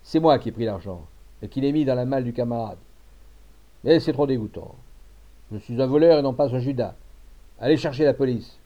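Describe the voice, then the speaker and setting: A grave, self-sacrificing former convict speaks firmly and earnestly, as a male reader voices him. His tone is mellow and steady, and the recording sounds dull and lo-fi. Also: medium pitch, normal speed, lightly acted. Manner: firm, urgent, earnest.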